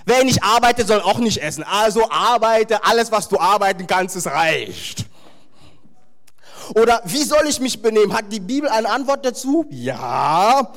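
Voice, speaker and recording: A male preacher delivering a sermon with a high voice that leaps up and down all the time. He talks emphatically to his listeners and drops in wry, humorous asides. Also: sing-song, moderate pace, fairly bright tone.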